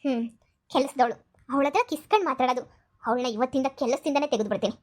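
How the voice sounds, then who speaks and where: A woman's voice: high voice, quick pace, a little mellow. A woman voicing a jealous, nagging young wife who accuses and needles in a cartoon comedy. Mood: accusing. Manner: accusing, needling, repeats herself.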